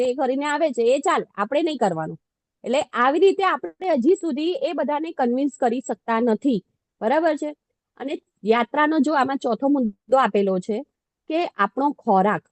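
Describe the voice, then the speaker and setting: A woman's voice: fairly high pitch, a little mellow, dry recording. A woman giving a devotional scripture class in a conversational, self-deprecating way, often putting questions to her listeners.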